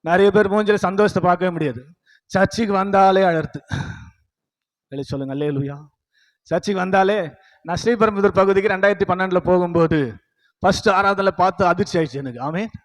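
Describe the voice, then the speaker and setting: A man's voice: high voice, fast talker, pauses often, in a large hall. A man preaching a sermon as pastor, scolding his congregation with rhetorical questions and calling on them to say hallelujah. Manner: repeats "praise the Lord" and calls the congregation to say hallelujah.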